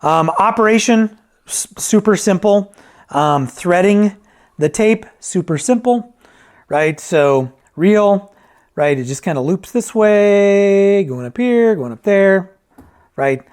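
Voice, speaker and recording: This man's voice sits high yet sounds a little mellow and smooth, expressive and slow-paced. A reviewer and repairer of vintage tape decks, he talks casually through an unscripted product review, rambling, self-correcting, and regularly checking in with "right?".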